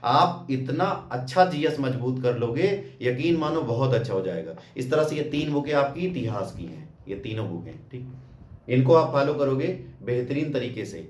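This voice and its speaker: A man's voice: mid-range voice, expressive, normal speed, reverberant. A man giving a casual coaching talk on exam preparation, talking directly to the viewer and often checking in with "okay". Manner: direct, repeats "ठीक" as a check-in, addresses viewer as brother. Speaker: exam prep teacher.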